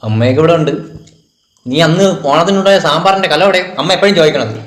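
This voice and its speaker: A man's voice: a little high, animated, fast, very noisy, close to an everyday voice. A man playing a grumbling, expectant friend in a comedy sketch, with sardonic casual banter and a southern Kerala accent. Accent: Kerala Malayalam, southern. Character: grumbling, expectant male friend waiting for a feast. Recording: roomy echo, music behind.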